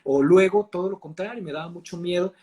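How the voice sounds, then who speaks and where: A man with a Mexican accent, a voice and acting coach explaining his craft in a casual interview, talking in an animated, lively way. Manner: animated, explanatory, fast shifts in pitch and loudness.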